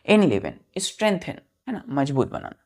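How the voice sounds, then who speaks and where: A man teaching vocabulary, spelling each word letter by letter, counting aloud and repeating key words slowly for his students. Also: a little high, sing-song, a little mellow. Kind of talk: vocabulary lesson.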